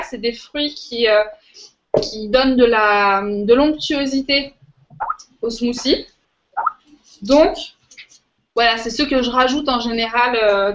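A woman's voice: on the high side, noisy background. A woman hosting a workshop, giving an informal, chatty demonstration with a hesitant way of explaining. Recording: muffled, lo-fi audio.

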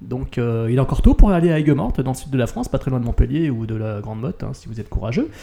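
A man's voice: mid-range voice, animated, fast, gravelly, warm tone. A man co-hosting a casual film review chat, speaking hesitantly with frequent restarts and mild humour. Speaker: film podcast co-host.

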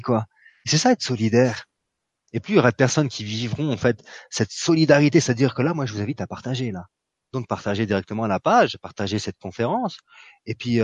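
A man's voice: mid-range voice, a little mellow, no room sound. A man speaking as a guest in an earnest, encouraging way, often repeating himself. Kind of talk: casual live conversation.

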